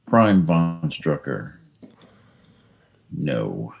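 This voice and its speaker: A man's voice: rumbling low, sing-song, extremely slow, creaky, dull audio, a little hiss or hum. A man playing a tabletop miniatures game, calling out his moves in casual chat and joking to his pieces.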